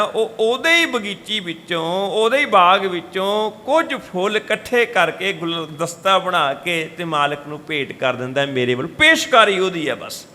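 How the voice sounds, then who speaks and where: A high, sharp-toned male voice fills a large gurdwara hall. The katha preacher tells stories while expounding Sikh scripture with sung verses, altering his voice whenever he quotes someone.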